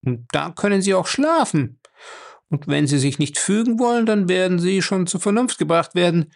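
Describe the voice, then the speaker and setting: A man voicing a calm, firm young woman in an audiobook who speaks with cool sarcasm. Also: high-pitched, normal speed, gravelly, pitched above the performer's own voice. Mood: cool ironic.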